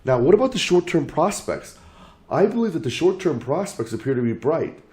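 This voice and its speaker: A channel host lays out his market outlook point by point in a measured way, though he is losing his voice from illness. His voice is a little high and darkish in tone, yet very animated.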